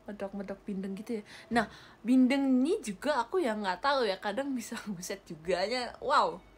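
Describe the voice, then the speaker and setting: A young woman, an idol livestreamer, chats casually with her viewers, giggling a lot and thanking them for gifts. Her husky, mid-range voice is animated and moves at a normal speed. She's in a small bedroom with a gaming chair, picked up close by a webcam or phone.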